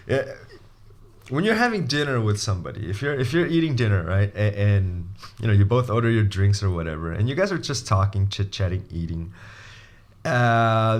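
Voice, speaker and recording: A man's voice: mid-range voice, a bit bright. A man teaching as an interview coach in a casual spoken lesson, walking through his points one by one in a conversational way.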